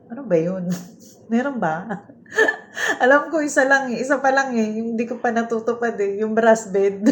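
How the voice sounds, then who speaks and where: A woman's voice: mid-range voice, slight background noise. A woman recording a casual birthday message to her mother, affectionate and laughing often, mixing in English. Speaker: child greeting her mother.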